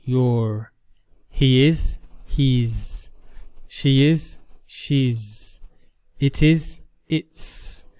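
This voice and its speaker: A man working through a beginner English lesson, reading each drill sentence slowly and deliberately. His pitch sits in an ordinary middle range. He paces himself for learners. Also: a little mellow, clean tone. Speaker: English teacher. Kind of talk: slow, careful lesson reading.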